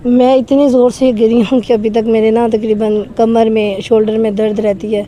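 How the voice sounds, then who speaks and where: High, mellow-voiced shaken woman. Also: little pitch movement. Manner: emotional, earnest storytelling. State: trembling voice, shaken. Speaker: interviewee. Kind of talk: recounting a personal experience in an interview.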